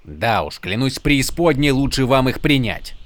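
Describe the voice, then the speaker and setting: A man reading an audiobook voices a wary young soldier who grumbles in a low, deadpan way. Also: measured pace, no room sound. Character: gruff young male soldier on horseback, wary. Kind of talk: audiobook character voice.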